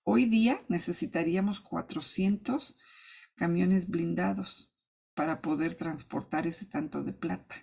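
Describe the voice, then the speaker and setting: Woman, children's Bible teacher; low, gravelly, husky storyteller who acts out the parts. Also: a little slow. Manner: animated, acts out the characters' pleas and commands. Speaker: Sunday school teacher.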